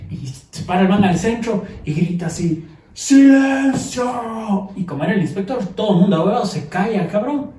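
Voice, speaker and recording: Hombre ecuatoriano narrando con mucha soltura. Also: male voice, high voice, fast. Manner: lively, relaxed storyteller, imitates sounds. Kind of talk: casual chat, storytelling. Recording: roomy echo, distant mic, faint noise.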